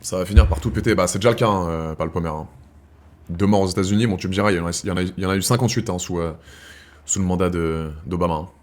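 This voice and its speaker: Host, male, lowish voice; casual slangy live chat to viewers, loose and rambling. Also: fairly even intonation, racing, a little mellow. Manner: slangy, calls viewers "brothers", rambling restarts.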